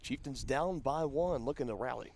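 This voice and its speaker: A man doing play-by-play commentary for a high school baseball game, conversational and explaining rules at length. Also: animated, moderate pace, darkish tone, faint music behind. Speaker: play-by-play announcer. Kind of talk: sports commentary.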